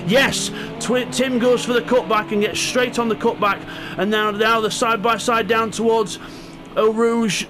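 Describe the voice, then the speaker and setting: A man's voice: high voice, steady tone, measured pace, over music. A man giving live play-by-play motorsport commentary on an online sim racing event. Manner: play-by-play calling of the on-track action.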